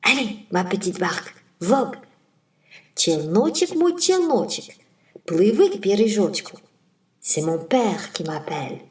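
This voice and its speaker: A storyteller voicing a little fisher boy, softly coaxing his boat in a sing-song way, heard from a distance in a roomy space. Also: mid-range voice, lively intonation, a little slow. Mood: eager.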